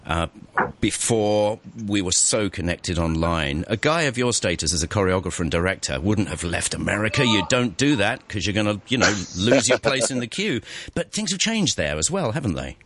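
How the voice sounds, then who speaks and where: A man's voice: fairly low pitch, sing-song, moderate pace, fairly bright tone. A man hosting a morning radio interview, chatty and playful as he leads the questions. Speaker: radio host.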